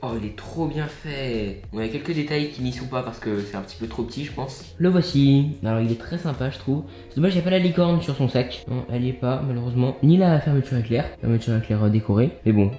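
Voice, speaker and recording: A man's voice: medium pitch, fast, hardly any pauses, dark tone, roomy sound, faint music behind. A young man with a French accent chatting casually while showing his toy collection in an upbeat vlog. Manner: chatty, upbeat, many fillers and asides.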